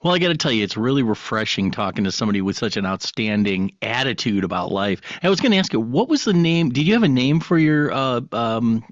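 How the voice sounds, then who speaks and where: A man's voice: medium pitch, sing-song, quick pace, hardly any pauses. A man hosting a podcast interview, asking questions and giving short encouraging replies. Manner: brief encouraging backchannels and questions. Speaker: podcast host. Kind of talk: casual interview chat. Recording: dull lo-fi sound.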